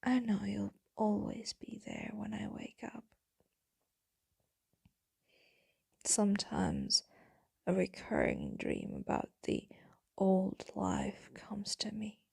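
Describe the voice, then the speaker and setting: In this intimate ASMR roleplay, a woman voices a grieving, devoted vampire whispering to her lover. The mid-range voice is exaggerated, very breathy and husky, sliding from whisper into gravelly fry with huge pitch swings. She speaks slowly and quietly, brooding yet tender, in a soft, wistful mood, recorded close and dry.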